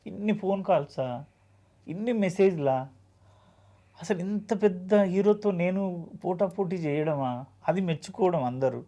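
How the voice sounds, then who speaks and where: Telangana guy being interviewed, earnest and emotional, kinda high voice. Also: dark tone. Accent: Telangana Telugu. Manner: earnest, heartfelt, plainspoken. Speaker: film actor guest.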